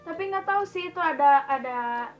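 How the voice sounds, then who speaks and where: A woman's voice: sits high, lively intonation, normal speed, muffled recording, faint music behind. A young woman chatting casually to camera as a vlogger, slangy and talkative, often laughing and calling her viewers guys.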